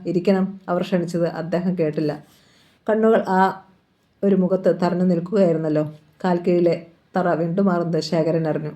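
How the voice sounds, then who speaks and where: A woman narrating a thriller novel in a steady, dramatic storytelling voice. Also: lowish voice.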